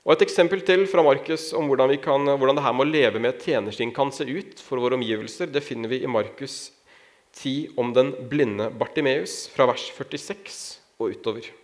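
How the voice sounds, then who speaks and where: Man preaching a sermon. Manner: storytelling, raises pitch when acting out shouts. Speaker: pastor.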